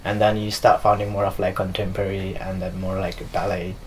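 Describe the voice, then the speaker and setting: Low-voiced young man full of "like"s. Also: level tone, brisk, a little hiss or hum, rough recording. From Nepal. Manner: loose, filler-heavy, many "like"s. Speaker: dancer and choreographer, guest. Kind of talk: casual interview answers. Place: living room with leather sofas.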